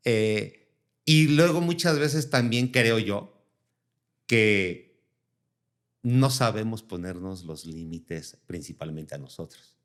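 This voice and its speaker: A man hosts a casual interview podcast. His voice sits on the low side. He asks long, meandering questions and keeps the guest going with quick acknowledgements. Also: expressive. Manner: rambling questions with many back-channel "ujú" and "ok". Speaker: podcast host.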